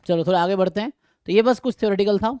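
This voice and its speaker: An Indian-accented male math teacher leads a live online class, breaking down each step and asking students questions. The close, dry recording has no room echo and captures a high, smooth, clear voice with a dark tone.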